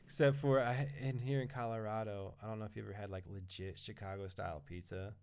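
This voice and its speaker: A man's voice: fairly low pitch, fairly even intonation, fast talker, darkish tone, clear, resonant tone. A man in a casual podcast conversation, rambling, laughing often and swearing now and then. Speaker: podcast guest or co-host. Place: indoor podcast recording in Colorado.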